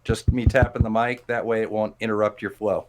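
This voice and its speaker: Brief: man in his fifties, calm polite debate moderator, sets time rules. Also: fairly low pitch, fairly quick, a little hiss or hum. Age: 50s.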